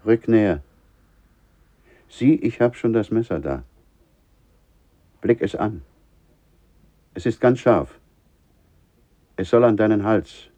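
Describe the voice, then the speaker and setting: An actor playing a solemn old father who leads his son to a sacrifice, speaking gravely and insistently in a radio play. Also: lowish voice, lively intonation, slow pace, long pauses, mellow, lo-fi sound. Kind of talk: vintage radio play acting.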